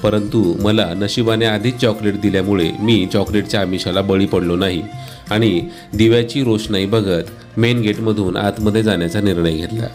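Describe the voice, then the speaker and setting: Brief: low-voiced man, dry deadpan humor, travel vlog narration over soft music. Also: normal speed. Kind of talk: scripted comic voice-over narration.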